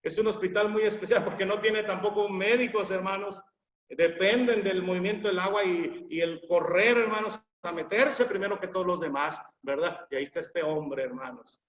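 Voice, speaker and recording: High-voiced emphatic preacher in an echoey hall. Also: male voice, normal speed, a bit bright. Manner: repetitive, emphatic, calls the listeners "hermanos". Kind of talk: sermon. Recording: echoey church hall, dull sound.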